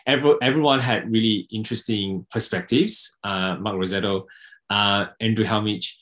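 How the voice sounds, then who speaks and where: A man, a software co-founder, talking casually and hesitantly in an interview with many fillers. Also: fairly low pitch, steady tone, normal speed.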